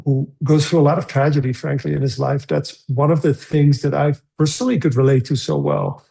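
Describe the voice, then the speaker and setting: Gravelly middle-aged Dutch-born man, musing. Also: fairly high pitch, mellow. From Netherlands. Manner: thoughtful, halting with many restarts. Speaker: screenwriter guest. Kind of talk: conversational interview.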